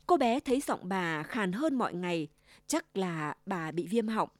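A woman narrating a children's fairy tale in an expressive, storytelling way. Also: lowish voice, measured pace, dry recording.

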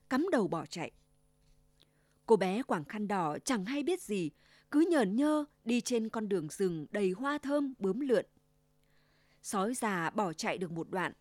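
A woman reads a children's fairy tale aloud in an expressive storyteller's voice. Her pitch sits in the middle range. The recording is dry and close. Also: no echo. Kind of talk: scripted fairy tale narration.

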